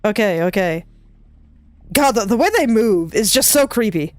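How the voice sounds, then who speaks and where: A woman's voice: mid-range voice, lively intonation, dry recording. A woman giving casual, chatty commentary as she plays a video game, talking to herself as she goes. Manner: chatty, self-talking, quick laughs. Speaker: let's play gamer.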